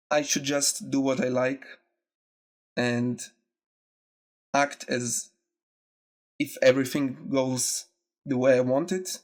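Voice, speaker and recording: Slow-talking man, nasal with a cold. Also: mid-range voice. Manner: slow, halting, reflective, with pauses. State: sick, congested and nasal. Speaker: YouTube video essayist. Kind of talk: casual talk to camera.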